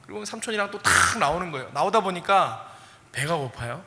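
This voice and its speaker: A man preaching a sermon as a pastor, telling a story in an animated way and asking the congregation questions. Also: high-pitched, fairly quick, gravelly, long reverb tail.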